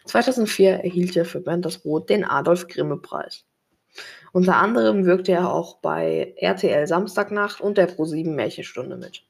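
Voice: mid-range voice, moderate pace, vocal fry, slightly rough. A reader presenting a book and its author, reading aloud plainly with occasional slips.

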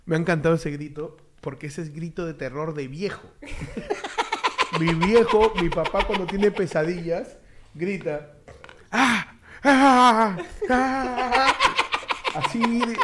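A man's voice: on the high side, big pitch swings, measured pace, noisy background. A man with a Peruvian accent joking in casual chat, mimicking screams for laughs. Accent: Peruvian Spanish.

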